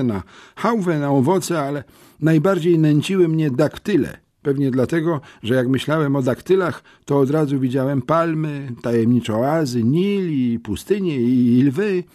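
Guy putting on a squeaky excitable schoolboy, rambling on, storybook voice. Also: dry recording, studio quality, close to an everyday voice. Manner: high-pitched, eager, rambling.

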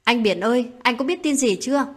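Husky young village girl passing on gossip, urgent, woman reading her. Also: a little high, expressive, a little fast.

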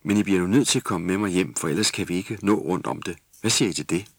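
A man playing a friendly mother bear who talks briskly in a low voice. Dry and close, as a storybook reader puts her on. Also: creaky, slightly rough, no echo, heavily acted.

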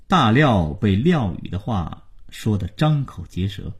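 Husky man reading a novel. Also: lowish voice, sing-song, unhurried. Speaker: audiobook narrator. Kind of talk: storytelling audiobook reading.

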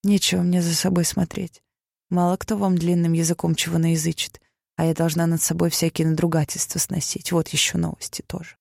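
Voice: mid-range voice, little pitch movement, brisk, vocal fry, a little mellow, no room sound, studio quality. A reader voicing a bold, defiant young merchant's wife who answers with scorn and mockery. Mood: scornful. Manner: mocking, scornful retorts.

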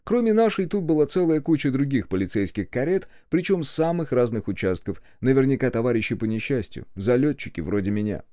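A man narrating an audiobook in the first person, with a lively, expressive reading. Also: mid-range voice, a little fast, hardly any pauses, no room sound, studio quality.

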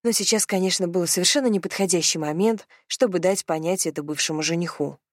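A woman's voice: fairly low pitch, quick pace, no room sound. Woman narrating an audiobook, dry close sound. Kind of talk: scripted narration.

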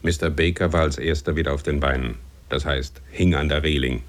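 A man playing a steady, dutiful first mate in a 1970s radio drama, talking in clipped phrases. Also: a bass voice, brisk.

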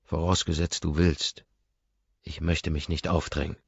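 An intense, controlling young man in an audiobook, as a man reads him out, pressing and urgent. The voice is very deep with a gravelly, husky edge. The sound is dull and bone-dry. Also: flat delivery, unhurried, dry recording, heavily acted. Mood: firm.

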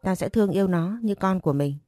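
A woman voicing a jealous, cruel young wife who threatens and taunts in a low, warm voice. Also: quick pace, dry recording, clean studio sound, soft background music, natural voice. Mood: taunting. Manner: taunting, menacing.

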